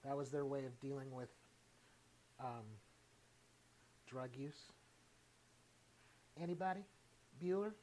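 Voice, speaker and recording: A man's voice: medium pitch, little pitch movement, slow pace, pauses often, darkish tone, slight background noise. A man hosting a casual cooking livestream, playful and chatty, talking straight to his viewers. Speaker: cooking show host.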